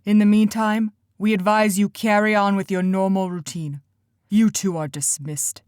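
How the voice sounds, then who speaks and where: A woman voicing a stern, cold male council leader who talks in a sharp, commanding way, in an audiobook. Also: medium pitch, steady tone, normal speed, dry recording, clean studio sound, lightly acted. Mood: tired.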